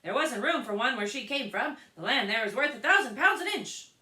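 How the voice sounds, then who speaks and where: Sing-song passenger chorus, voiced by a woman, loud, high, roomy. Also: animated, brisk, distant mic. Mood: mocking. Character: crowd of fussy passengers speaking in unison.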